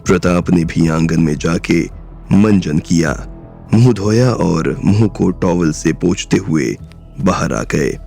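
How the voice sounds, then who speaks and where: Soft background music sits under a man's storytelling. He speaks in a slow, measured way, with a very deep, raspy, gravelly tone.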